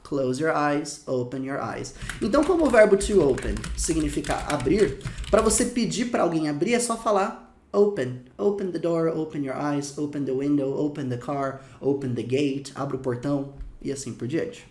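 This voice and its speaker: A man with a Brazilian Portuguese accent teaching English phrases in a casual lesson, lively and slowing down to repeat the examples. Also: on the high side, echoey room. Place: room with dogs barking outside.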